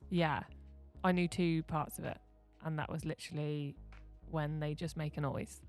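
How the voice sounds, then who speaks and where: Low-voiced woman basketball coach guest. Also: moderate pace, faint music behind. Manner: laughs often, relaxed storytelling. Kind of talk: casual podcast chat.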